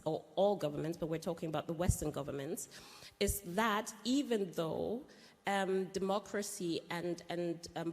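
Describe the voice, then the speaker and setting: Slow, hesitant woman panelist in a hall. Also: medium pitch, darkish tone. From Cameroon. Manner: hesitant, many ums, slow and emphatic. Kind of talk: panel discussion. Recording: reverberant hall recording.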